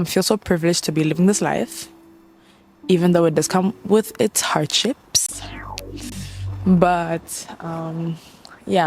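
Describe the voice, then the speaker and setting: A woman's voice: lowish voice, darkish tone. Young woman from Mozambique, singer hosting a casual Q&A vlog, playful and chatty, faint music underneath. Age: young adult. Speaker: singer-songwriter.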